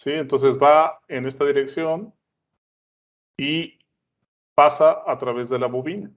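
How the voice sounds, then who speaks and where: A man's voice: mid-range voice, slow. Guy teaching at a board, chatty, keeps checking you follow, kinda muffled audio. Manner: conversational, checks in with "¿sale?" and "¿no?". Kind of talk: explaining at a whiteboard. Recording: dull lo-fi sound.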